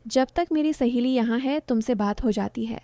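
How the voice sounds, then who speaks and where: A woman's voice: fairly high pitch, dark tone, no room sound, lightly acted. A woman voicing the playful, teasing young friend of a fiancée in a narrated story.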